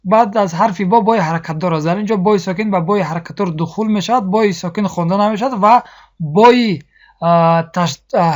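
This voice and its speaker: A teacher gives a recorded lesson on Quran recitation rules. They explain patiently, repeat each point, slow down to model the sounds and keep checking that students follow. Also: mid-range voice.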